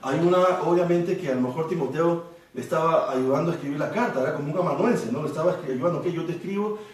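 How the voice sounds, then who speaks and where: A pastor preaches a Bible study sermon, explaining the text at length and frequently checking in with rhetorical questions. He speaks fast in a fairly high voice, recorded in an echoey room with the mic far off.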